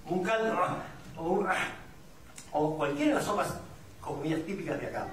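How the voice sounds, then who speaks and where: A middle-aged Peruvian man with a high-pitched voice and big pitch swings speaks at normal speed on a panel at a public discussion forum, representing the migrant community. He is reflective and didactic, posing rhetorical questions. The indoor event room is echoey, the mic distant, and audience sounds can be heard.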